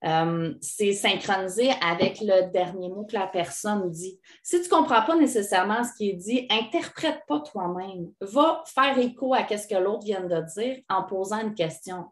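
Québécois woman chatting on a podcast, gets animated doing little quoted replies, echoey room. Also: mid-range voice, moderate pace, few pauses. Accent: Québécois French. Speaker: podcast co-host. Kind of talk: casual advice chat.

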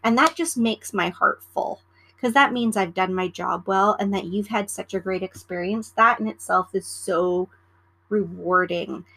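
A woman's voice: mid-range voice, unhurried, creaky, a bit bright, low-quality recording. A middle-aged woman, a former flight attendant, chatting casually at home on her podcast and acting out exchanges with passengers. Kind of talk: casual solo podcast chat. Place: at home in the evening.

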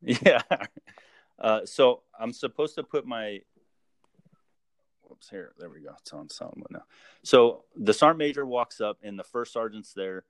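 A man, a guest and army veteran, tells stories in a casual, relaxed and profane way, acting out the dialogue as he goes. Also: mid-range voice, unhurried, pauses often, no room sound, clean studio sound. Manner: lively anecdote-telling, acting out quoted dialogue; relaxed and profane, with frequent fillers. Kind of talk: casual spoken storytelling.

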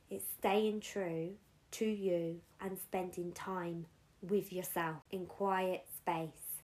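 Earnest woman giving spiritual guidance. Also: medium pitch. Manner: earnest, conversational, emphatic repetitions. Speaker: spiritual guide. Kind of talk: spoken spiritual guidance talk.

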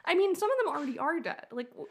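A woman's voice: high-pitched, lively intonation, fast talker, gravelly. A woman co-hosting a comedy podcast, giggly and enthusiastic in casual chat. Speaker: podcast co-host.

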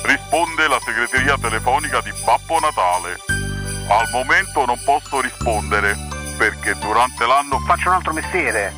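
A man voicing a jolly old Santa Claus in a voicemail greeting played from an answering machine, with a hearty ho-ho laugh. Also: lively intonation. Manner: deep hearty ho-ho laugh, slow announcing tone. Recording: distant voice over Christmas music.

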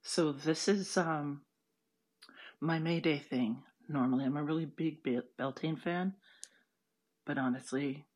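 A person leading an audio walking tour in an informal, halting way, with chatty asides. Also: medium pitch.

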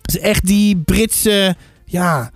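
A woman's voice: mid-range voice, drawn-out words, no room sound, soft background music. A woman in her thirties from Drenthe hosting a podcast, chatting casually and rambling with many fillers and restarts. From Drenthe, Netherlands. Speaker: podcast host, book reviewer. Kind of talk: casual chat.

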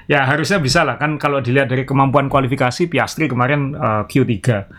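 A man's voice: mid-range voice, steady tone, fast talker, fairly bright tone. A man co-hosting a casual podcast chat, explaining things at length and chuckling often. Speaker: podcast co-host.

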